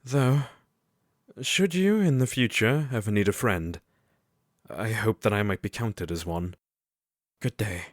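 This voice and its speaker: A man playing a shy, earnest Victorian gentleman doctor, hesitant and formally polite, in an audio drama. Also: lowish voice, animated, a little slow, long pauses, slight background noise. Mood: gracious sorrow.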